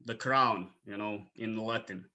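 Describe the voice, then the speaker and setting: Croatian man, bright voice, trailing off softly. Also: fairly low pitch, a little slow, dull audio. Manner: relaxed, many fillers, trailing off quietly. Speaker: guest. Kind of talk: casual interview chat.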